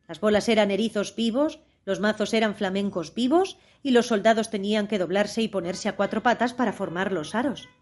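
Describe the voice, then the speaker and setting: Woman reading a storybook out loud, measured and expressive, middle voice. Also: medium pitch. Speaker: audiobook narrator. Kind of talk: scripted storybook narration.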